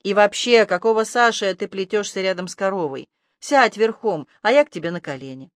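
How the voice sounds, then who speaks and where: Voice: mid-range voice, lively intonation, a little fast, no echo, studio quality, close to an everyday voice. A narrator doing a snide male talking rat. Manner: snide, mocking, needling. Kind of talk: audiobook character voice.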